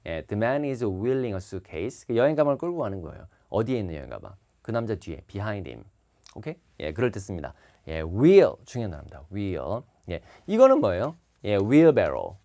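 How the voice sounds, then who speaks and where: Animated male English teacher. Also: fairly low pitch, normal speed. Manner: animated, repeats and stresses key words. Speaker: TOEIC instructor. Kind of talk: lecture to camera. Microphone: facing the camera.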